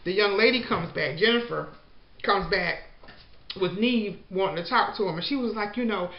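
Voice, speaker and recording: A woman's voice: mid-range voice, moderate pace. A woman recapping a show in a casual, chatty way, full of "you know" and "like," and slipping into the voices of the people she quotes. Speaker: show reviewer. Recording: echoey, dull lo-fi room sound.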